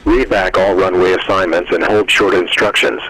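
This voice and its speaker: A man reading an airport weather broadcast heard over a flight sim radio, reading numbers and runways in a flat, even way. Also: sits low, moderate pace, poor audio. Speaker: airport information announcer. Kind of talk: recorded automated airport information broadcast.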